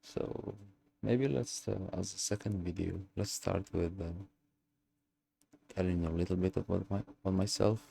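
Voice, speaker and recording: A young man from Algeria telling his own story in a casual monologue, pausing often and hunting for words. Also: sits low, fairly even intonation, vocal fry, dark tone, breathy edge. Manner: hesitant, searching for words with many fillers. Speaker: channel host.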